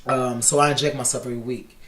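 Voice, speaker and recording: A man's voice: medium pitch, quick pace, echoey room, crowd noise. Candid thirties man from Chicago. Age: 30s. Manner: candid and animated, often says "you know what I'm saying". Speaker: podcast guest. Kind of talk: casual interview talk.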